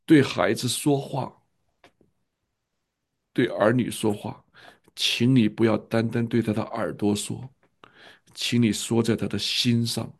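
A male pastor tells a story in sermon style, earnest and repeating key phrases. His voice is gravelly, with a husky edge. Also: medium pitch, fairly even intonation, takes it slowly, pauses often.

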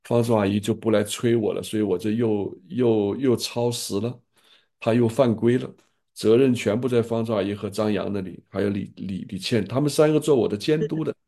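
A gravelly, dark-toned older male pastor speaks in a fairly low register. His voice is husky, and he gives earnest, fatherly advice in a relaxed pastoral sharing. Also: fairly quick. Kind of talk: pastoral sharing in an online group.

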